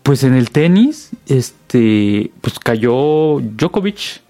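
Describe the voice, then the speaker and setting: A man's voice: mid-range voice, very animated, extremely slow, warm tone, no echo. A Mexican man hosting a casual news roundup, chatty and full of fillers. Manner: chatty, many fillers and restarts. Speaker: host.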